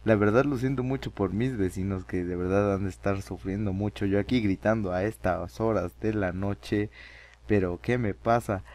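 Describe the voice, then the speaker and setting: A man's voice: fairly low pitch, fairly even intonation, moderate pace, darkish tone. Jittery man commenting on a horror game. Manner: jittery, nervous laughter, repeats words. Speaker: gamer playing a horror game. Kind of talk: nervous let's-play commentary. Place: home room at night.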